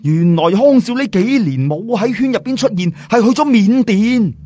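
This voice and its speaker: This audiobook storyteller is a man with a higher-pitched, lively voice and a Cantonese, southern Chinese accent. At a moderate pace he gives animated scripted narration, colloquial and expressive like a traditional storyteller, with music in the background.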